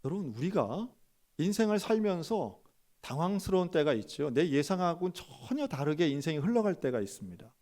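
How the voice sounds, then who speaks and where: A man's voice: fairly high pitch, fairly quick. A male pastor delivering a Sunday sermon, acting out the people he speaks of in quoted dialogue. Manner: animated, acts out dialogue in quoted voices.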